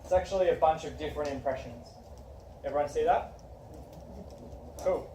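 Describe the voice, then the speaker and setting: Guiding his students through a discussion, a young male teacher asks questions and cheers them on in a mellow, slightly high voice at a moderate pace. He sounds far off in an echoey room, faint noise underneath.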